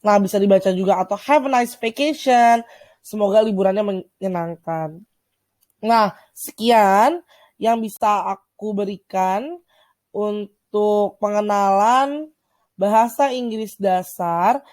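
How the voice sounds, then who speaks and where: A young woman from Indonesia with an Indonesian accent gives a casual lesson over slides, saying English words slowly between relaxed talk full of fillers. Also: mid-range voice, no echo. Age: young adult. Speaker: student volunteer teacher.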